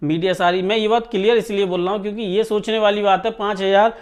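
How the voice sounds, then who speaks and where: A man working as a coaching teacher gives students an informal talk about exam news, speaking emphatically and repeatedly checking that they understand. His voice sits high and sounds smooth, with fairly even intonation and a fast pace.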